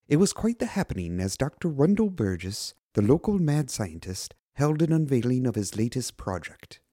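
An actor playing a pompous, eager horror podcast host with theatrical, formal phrasing in a scripted audio drama. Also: male voice, mid-range voice, mellow. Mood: theatrically sinister.

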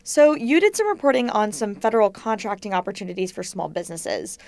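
A woman's voice: medium pitch, sing-song, fairly quick, a little mellow, no room sound. A woman hosting a business news podcast, introducing stories and asking questions. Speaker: podcast host.

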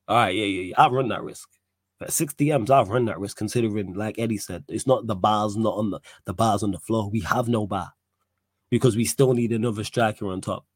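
A man's voice: on the low side, husky, no room sound. A man with a London roadman accent hosting a casual football fan livestream, talking in street slang and repeating himself for emphasis. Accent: London, urban slang. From United Kingdom. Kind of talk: casual live sports chat.

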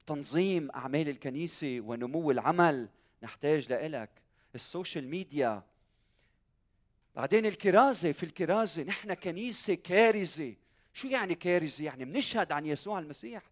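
Higher-voiced Lebanese man preaching. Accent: Lebanese Arabic. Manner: emphatic, repeating phrases and putting rhetorical questions to listeners. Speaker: pastor. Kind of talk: church sermon.

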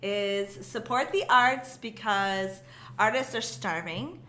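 A woman co-hosting a comedy talk show, announcing segments in an unhurried way. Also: mid-range voice, bright, forceful tone, echoey room. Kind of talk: improvised comedy chat.

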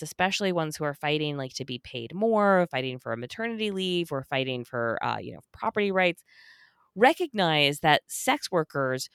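A woman's voice: low-pitched, smooth, no echo, studio quality. A woman guest on a podcast interview, talking animatedly and emphatically, often checking in with "right?". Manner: animated, emphatic, keeps tagging points with "right?". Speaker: guest, sex worker rights advocate.

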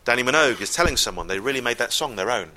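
A man telling a comic story live, wry and exasperated, with deadpan asides. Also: medium pitch, very fast.

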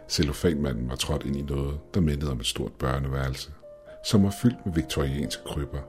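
A man narrating a scripted horror story in a slow, measured, grim way. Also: extremely low pitch. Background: faint music.

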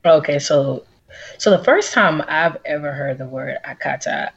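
Low husky young woman, chatty. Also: animated, normal speed, muffled recording. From United States (born in Texas, raised in Atlanta). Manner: chatty storyteller, mimics other voices in quotes. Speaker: podcast guest. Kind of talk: casual conversation.

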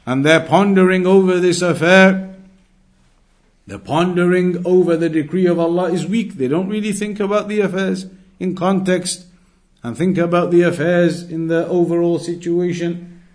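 A man with a somewhat high, slightly mellow voice teaches an Islamic lesson as a religious instructor. He reads Arabic text and explains it instructively, restating points for emphasis.

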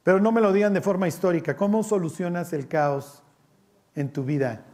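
A man's voice: high voice, a little fast. A man preaching a sermon, asking his listeners questions and acting out the voices he quotes. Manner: animated, asks the congregation questions and acts out quoted voices.

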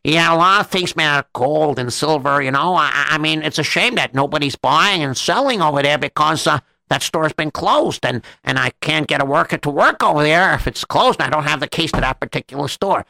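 A man's voice: on the high side, a little fast, creaky, few pauses, bright, forceful tone, dry recording, pitched above the performer's own voice. A man doing a gloating, greedy swindler. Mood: wheedling. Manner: wheedling, gloating. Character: greedy scheming male swindler, smooth-talking.

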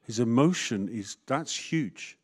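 A man's voice: mid-range voice, animated, takes it slowly, husky. A man, a vicar preaching a sermon in a candid, conversational way with jokes and asides.

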